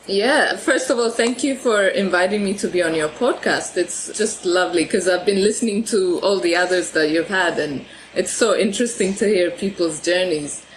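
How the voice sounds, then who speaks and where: A woman's voice: on the low side, moderate pace, few pauses, a little hiss or hum, rough recording. A woman from Ethiopia, a photographer guest on a podcast, talks casually and laughs often, restarting her sentences. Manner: chatty, laughs often, repeats words when starting sentences. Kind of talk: casual interview chat.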